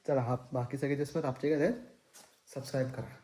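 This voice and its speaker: A man's voice: mid-range voice, fairly even intonation, a little fast, dark tone, low-quality recording. A young man casually vlogging from his village home, chatting and mixing in English words. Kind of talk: casual vlog chat. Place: village house.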